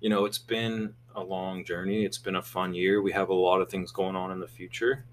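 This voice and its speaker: Low-voiced earnest young man, faint hum. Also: flat delivery, moderate pace. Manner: earnest, a little anxious. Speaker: podcast co-host, salon co-owner. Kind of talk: casual chat.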